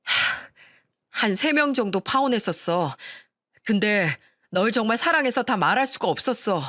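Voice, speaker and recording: A woman's voice: fairly high pitch, lively intonation, normal speed, sharp tone, no echo, studio quality. A woman voicing a pathetic, lying young man who whines and pleads with his fiancée. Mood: defensive. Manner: whiny, pleading.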